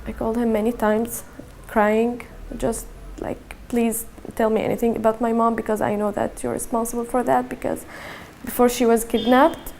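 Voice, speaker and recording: Flat, gravelly young Syrian woman. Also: fairly high pitch, a little hiss or hum. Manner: halting, repeats words, measured and subdued. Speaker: interviewee. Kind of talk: personal testimony.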